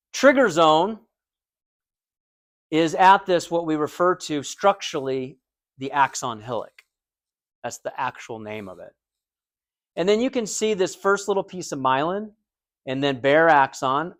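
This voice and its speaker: A man's voice: on the high side, expressive, unhurried, pauses often, a bit bright, dry recording. Conversational American man lecturing. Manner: conversational, explains with everyday comparisons and check-in questions. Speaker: anatomy and physiology instructor. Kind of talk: recorded lecture.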